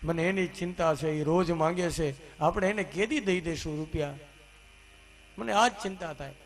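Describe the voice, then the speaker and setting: A man's voice: normal speed, a little hiss or hum, close to an everyday voice. A man doing a glum, worried husband. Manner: low, glum, troubled muttering. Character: worried sleepless husband in debt, middle-aged man. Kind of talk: storytelling in a religious discourse.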